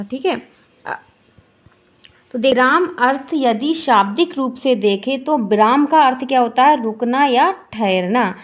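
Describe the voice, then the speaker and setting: High-voiced woman teaching an exam lesson. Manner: asks and answers her own questions, repeats key phrases.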